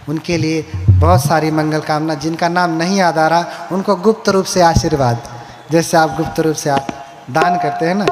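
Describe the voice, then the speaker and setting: Man, Buddhist monk, preacherly sermon, questions the crowd, long hall echo. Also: on the high side. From India. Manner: preacherly, asks the crowd questions, chants verses. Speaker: Buddhist monk giving a katha.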